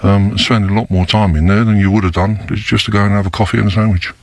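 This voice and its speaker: An older former undercover police officer whose voice is disguised and pitched down, speaking slowly and haltingly in a recorded news interview. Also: male voice, fairly even intonation, background noise. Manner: slow, halting, with many fillers. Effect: disguised voice, pitched down deep.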